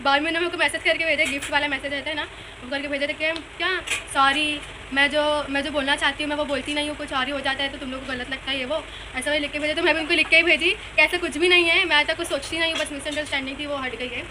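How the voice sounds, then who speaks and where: A young woman calmly explaining her side in a casual family vlog chat. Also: high voice, quick pace, noisy background. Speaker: youngest sister.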